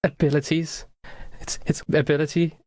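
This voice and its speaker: A man's voice: fairly high pitch, flat delivery, moderate pace, darkish tone, slight background noise, pitched above the performer's own voice, lightly acted. Man voicing a flustered young woman. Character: guarded young woman with a cursed power.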